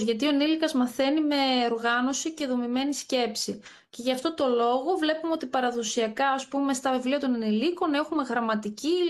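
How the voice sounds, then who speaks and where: A woman neurologist as a podcast guest, explaining step by step in a precise, methodical way. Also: high-pitched. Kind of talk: explanatory interview talk.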